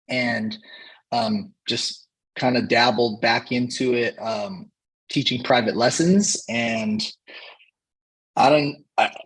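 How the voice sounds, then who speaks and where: Cheer coach guest from Hawaii, male, 30s, slightly raspy voice, measured and pausing. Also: mid-range voice, a bit bright, rough recording. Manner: unhurried, pausing often to find words. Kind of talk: casual interview talk.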